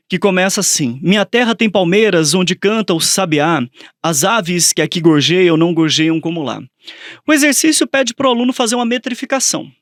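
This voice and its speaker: A man with a high, bright speaking voice explains literature to a co-host in casual podcast talk. He tells classroom stories animatedly and slips into little acted-out voices for his students. The sound is close and dry. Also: dry recording. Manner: animated storytelling, acting out students and characters in quotes. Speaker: Portuguese teacher and podcast co-host. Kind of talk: casual educational podcast chat.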